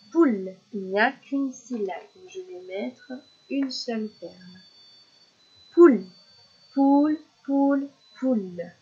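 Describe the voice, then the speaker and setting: A woman teaching young children syllables in a slow, patient lesson, repeating each word clearly. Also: a little high, muffled recording.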